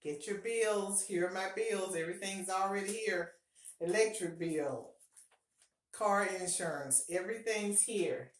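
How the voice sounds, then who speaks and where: A middle-aged personal finance vlogger with an unhurried mid-range voice gives upbeat, encouraging budgeting advice to camera in a casual home vlog, often repeating her key points. She's indoors in a small home bathroom, recorded by a fixed camera at close range, so it's echoey, with a little hiss or hum.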